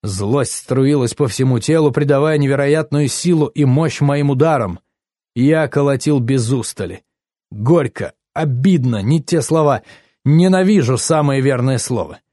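A man's voice: mid-range voice, measured pace, warm tone, no room sound, clean studio sound. A man narrating a first-person story in a brooding, bitter way.

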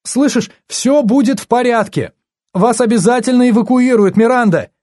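A man's voice: extremely high pitch, normal speed, darkish tone, dry recording, clean studio sound, voice pushed up. A man voicing a frightened young woman on the edge of tears, crying out in panic. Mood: pleading. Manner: pleading, panicky, rising to cries.

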